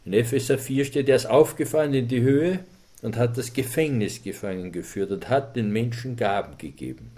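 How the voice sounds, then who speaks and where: A man's voice: mid-range voice, expressive, normal speed, mellow. A male preacher delivering a sermon in a mid-range voice. He speaks with fervor and lifts his voice to stress the scripture he quotes. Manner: fervent, rising for emphasis on scripture quotes.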